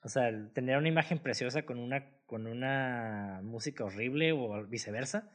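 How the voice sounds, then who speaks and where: A man's voice: mid-range voice, moderate pace. A man with a Mexican accent in a casual, slangy film review chat, co-hosting and talking in a laid-back way full of filler words. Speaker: podcast co-host.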